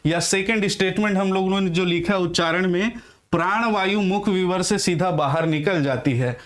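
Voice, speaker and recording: Male teacher, young adult, high pitch, patient lecture delivery that drills each letter aloud. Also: a bit bright. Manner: repeats questions and answers them himself, addresses viewers as friends; sounds out letters slowly for practice. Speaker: Hindi grammar teacher. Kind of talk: classroom lecture.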